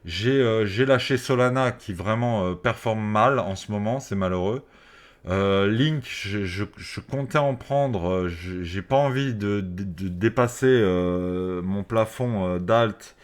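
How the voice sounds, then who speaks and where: A man with a fairly low voice talks through a face mask. He comments on the markets off the cuff, as a video host would, in a casual, slangy way with the odd swear word. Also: takes it slowly. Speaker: crypto trading video host.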